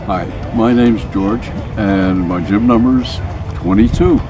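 A man with a lowish voice speaks slowly and plainly. Music runs behind him. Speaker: racing sailor. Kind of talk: casual interview.

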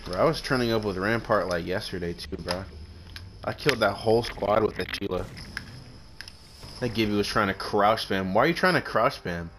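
A man's voice: lowish voice, moderate pace, background noise. A man chatting casually while gaming, teasing and swearing with his teammate. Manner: joking, swears, teasing banter. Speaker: gamer streamer.

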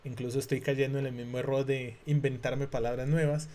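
A man's voice: medium pitch, fairly quick. Chatty Spanish-speaking man teaching English spelling. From Latin America. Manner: relaxed, chatty, thinks aloud with many fillers and restarts. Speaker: English exam tutor. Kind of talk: casual online lesson.

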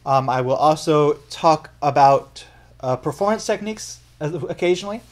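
A man's voice: fairly high pitch, animated, normal speed. A young man hosting a casual music reaction and analysis video, chatty and explaining at length while correcting himself as he goes. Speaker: music reaction channel host.

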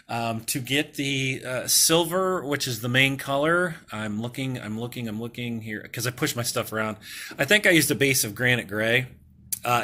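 A man's voice: mid-range voice, sharp tone. A man casually walking through his toy customizing work, rambling and hesitant with many fillers and restarts, a bit self-deprecating. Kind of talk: casual hobby vlog walkthrough.

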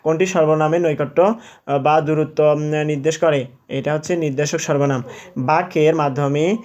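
Teacher, young man, mellow tone, slightly high, quiz-style walkthrough. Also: fairly even intonation. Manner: explains step by step, quizzes and answers himself, corrects slips with "sorry"; drawn-out example words, repeated aloud. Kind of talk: exam question walkthrough.

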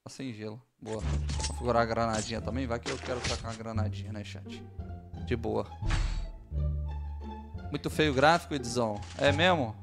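A young man streaming a shooter game in casual chat, excitable and swearing constantly, shouting at big plays. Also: mid-range voice, normal speed, long pauses. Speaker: gaming streamer. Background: game music and gunfire.

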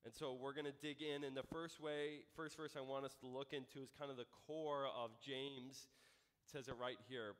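A man's voice: mid-range voice, little pitch movement, moderate pace, a bit bright, in a large hall. An American man in his thirties, a pastor giving a conversational sermon with frequent ums and restarts. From United States. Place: church sanctuary.

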